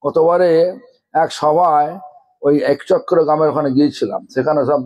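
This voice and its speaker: A man's voice: a little high, steady tone, normal speed, darkish tone, rough recording. A man with a Bengali accent giving a scolding sermon, asking the audience one rhetorical question after another. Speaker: guru giving a religious discourse.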